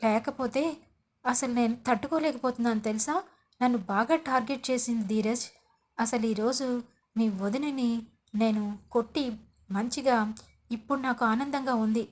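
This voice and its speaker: A woman's voice: a little high, normal speed, pauses often, natural voice. A woman narrator reading the lines of a bold, boastful young woman in a soap recap. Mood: relieved. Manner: boastful, scolding.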